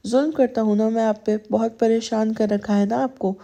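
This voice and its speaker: A woman's voice: on the high side, warm tone, natural voice. Woman voicing a possessive stern husband. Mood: sulky. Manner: firm, turning tender then sulky.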